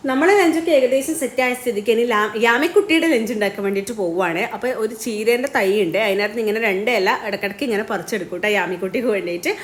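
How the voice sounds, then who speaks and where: A woman's voice: medium pitch, rapid-fire, few pauses. A young woman, chatting casually through a home vlog and explaining her cooking and her day as she goes. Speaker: family vlogger and mother. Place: home, indoors.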